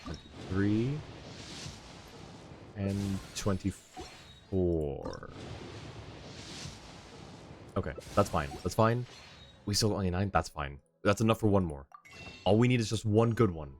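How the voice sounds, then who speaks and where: A deep-voiced man gives expressive, slow livestream commentary on his gameplay, leaving long pauses. He mutters his thoughts in short bursts and speaks to chat. Video game music runs behind him, along with a little hiss or hum.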